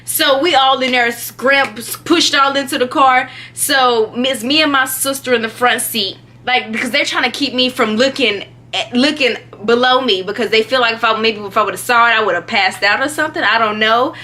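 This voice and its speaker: A young woman telling a story in a casual, animated way, chatty and often laughing. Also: a little high, normal speed, hardly any pauses. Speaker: vlogger.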